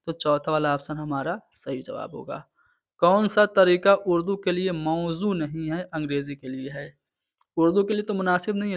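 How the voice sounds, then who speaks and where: Higher-pitched male exam tutor. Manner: explains answers step by step, repeating "theek hai". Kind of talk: online exam-prep lecture.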